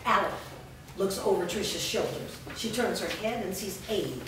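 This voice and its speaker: A woman narrator reads scripted stage directions at a staged reading in a mid-range voice at normal speed. The mic sits far away in an echoey room, and background noise is clearly audible.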